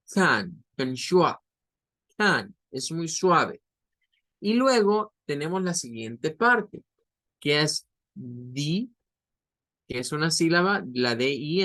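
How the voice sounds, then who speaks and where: A man teaching English pronunciation in Spanish, repeating each example word slowly and deliberately. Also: on the high side, a bit bright. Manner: slow, deliberate, repeats example words drawn out. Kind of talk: online pronunciation lesson.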